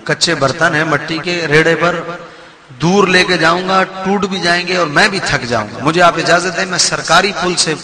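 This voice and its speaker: A man's voice: fairly high pitch, close to an everyday voice. A man voicing a frail old potter who pleads to cross a bridge, in a mosque with long reverb and a crowd audible. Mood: pleading. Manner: pleading, insistent.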